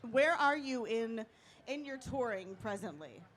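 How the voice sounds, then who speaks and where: A woman's voice: fairly high pitch, sing-song, unhurried, slight background noise. A woman interviewing a band at a festival, chatty and giggly, full of fillers.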